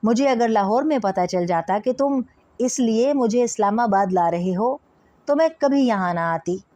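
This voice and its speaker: A woman's voice: on the high side, expressive, moderate pace, dark tone, close to an everyday voice. A woman reading the part of a young woman who protests, distressed and indignant, against a marriage forced on her. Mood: furious.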